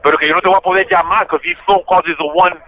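A man's voice: sits high, steady tone, rapid-fire, crowd noise. A man calling in on a prison phone line to a podcast, talking in blunt street slang and rambling through complaints. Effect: on a prison phone call. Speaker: inmate calling in. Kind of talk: casual phone chat. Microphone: prison payphone handset. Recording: muffled prison phone line, faint hiss.

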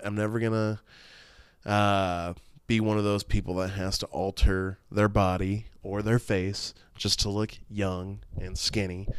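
A man's voice: on the low side, clear, resonant tone, no room sound, clean studio sound. A man in his late thirties hosting a solo podcast, rambling and swearing casually as he talks to his listeners. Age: 30s. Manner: rambling, profane, self-deprecating. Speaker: podcast host.

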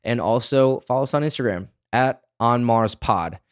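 Laid-back podcast host man, smooth voice. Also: medium pitch, moderate pace, dry recording, studio quality. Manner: laid-back, heavy on slang like bro and dude. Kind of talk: casual chat.

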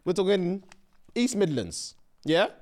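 Young man, London roadman accent, higher-pitched, lively delivery, casual sweary banter between mates. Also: takes it slowly. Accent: London, urban slang. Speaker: podcast co-host.

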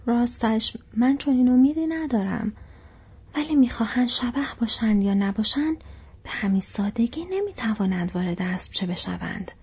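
A woman voicing a fat, fretful, easily frightened male innkeeper in a breathy whisper, as whispered role-play in a storybook reading. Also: on the high side, lively intonation, warm tone, highs cut off, exaggerated voice.

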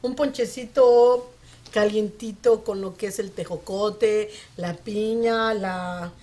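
A woman's voice: medium pitch, fairly even intonation, takes it slowly. A woman from Mexico City, a regular guest on a radio show, chatting in an effusive way. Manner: effusive, warm-hearted thanks. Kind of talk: casual chat.

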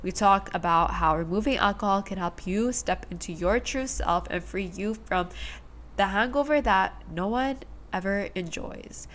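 A woman hosting a podcast, a little under the weather with a nasal, congested voice, speaking in a gentle, upbeat way. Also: medium pitch, normal speed, slight background noise. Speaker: podcast host. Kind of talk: podcast intro and interview.

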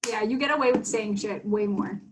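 A young woman in casual chat, frank and relaxed, saying "like" often. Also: medium pitch, a little fast, background noise.

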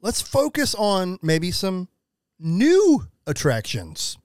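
A man's voice: high voice, wildly swooping pitch, slow pace, dry recording, clean studio sound. An American man co-hosting a podcast in casual, rambling chat, speaking with emphasis. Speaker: podcast co-host.

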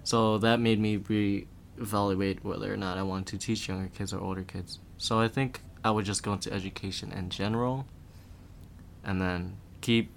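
A young man chatting casually as a podcast guest, talking in a relaxed, rambling way with lots of filler words. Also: on the low side, normal speed, vocal fry, slight background noise. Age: young adult.

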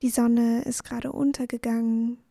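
Breathy, soft-spoken woman narrating a sleep story. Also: a little high, little pitch movement, moderate pace, no echo, clean studio sound. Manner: soothing, gentle, breathy, often near-whispered. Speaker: sleep meditation podcast host and narrator. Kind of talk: sleep story narration, guided bedtime meditation.

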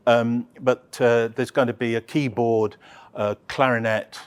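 Male presenter, conversational Q&A, halting delivery with frequent restarts. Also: medium pitch, flat delivery, smooth. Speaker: opera project presenter. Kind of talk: answering audience questions. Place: live talk session.

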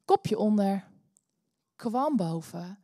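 A Dutch woman preaching a sermon in church, telling a story with animated bursts of energy. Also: medium pitch, drawn-out words, no echo, studio quality. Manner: animated, bursts into loud cheering when acting out the story. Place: church hall.

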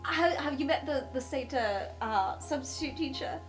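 A bubbly woman playing a tabletop game, with a high voice that swings widely in pitch. She sounds upbeat, with faint music underneath. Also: animated, normal speed. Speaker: player. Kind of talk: casual tabletop game play.

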